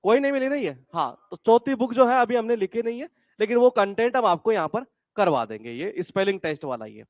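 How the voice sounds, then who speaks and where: A man's voice: high voice, expressive, fast, a little mellow, no echo. A man teaching an English class live to a room of students and online viewers, talking in a casual, chatty way and checking in with them often. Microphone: classroom mic and speaker, streamed online.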